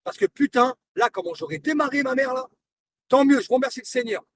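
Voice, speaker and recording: A man's voice: very high-pitched, brisk, distant mic, noisy background. A man livestreaming a heated, confrontational rant, taunting his target and repeating his points. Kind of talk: heated live-stream rant.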